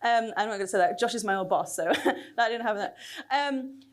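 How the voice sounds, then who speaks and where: On a cinema stage at a conference, a woman gives a lively lightning talk in a slightly high voice, speaking a little fast. She is losing her voice but stays chatty, tossing questions to the audience.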